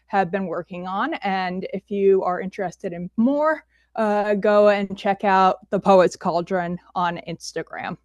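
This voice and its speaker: Slow, lilting woman storyteller. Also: medium pitch, no echo. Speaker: storyteller and bard. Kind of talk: poetry reading and introduction at an open mic.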